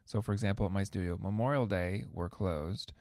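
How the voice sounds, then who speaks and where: A man's voice: low-pitched, steady tone, brisk, darkish tone, dry recording, clean studio sound. A man who teaches piano, hosting an instructional podcast in a conversational, emphatic way that repeats words for stress.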